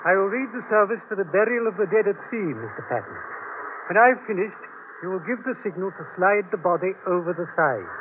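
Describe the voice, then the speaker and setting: An actor playing a humane, middle-aged naval captain who reads a burial at sea in a grave, measured way. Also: male voice, high-pitched, animated, noisy background. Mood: commanding. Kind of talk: 1940s radio acting. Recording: tinny old radio broadcast with music.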